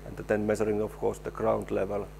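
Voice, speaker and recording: A low, gravelly voice from a man, talking through a technical conference presentation. He stops and restarts often, repeating words as he works through each slide, and a faint hum sits under him. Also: monotone, mellow. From Finland. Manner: halting, repeats words while explaining slides. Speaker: presenter, stabilization engineer.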